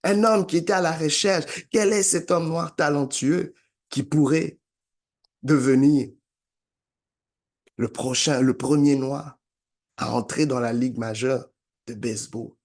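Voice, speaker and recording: A man's voice: on the high side, steady tone, measured pace, long pauses. A man giving a motivational sermon-style talk in an emphatic, repetitive preaching cadence. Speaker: motivational speaker.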